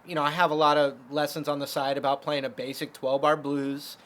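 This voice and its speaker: A man's voice: a little high, flat delivery, brisk, fairly bright tone. A man teaching a casual guitar lesson, explaining chords step by step with lots of fillers.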